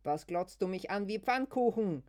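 A reader voicing a blunt, feisty young woman from a care home, who talks in short, broken sentences and gets loud and cheeky. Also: mid-range voice, lively intonation, normal speed. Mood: scolding.

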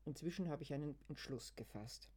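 A reader telling a first-person story in a calm, thoughtful voice. The delivery is even and reflective, like a prepared reading. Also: medium pitch, fairly quick, breathy edge.

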